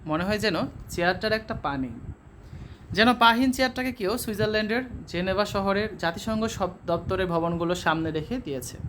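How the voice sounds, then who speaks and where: High-voiced man teaching a class lesson. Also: a bit bright, a little hiss or hum. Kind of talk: reading a textbook story aloud for a lesson.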